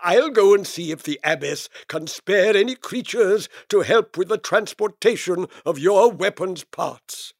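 A courtly, high-voiced hedgehog. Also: male voice, expressive, a little slow, gravelly, few pauses, no echo, clean studio sound, exaggerated voice. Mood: courteous. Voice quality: polite, old-fashioned and formal. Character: courteous, well-mannered male hedgehog father.

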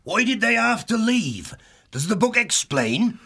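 Big friendly otter cook, rustic, lively and raised in pitch, gravelly and husky, done by a male narrator. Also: unhurried, exaggerated voice. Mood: hearty. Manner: rustic homely dialect.

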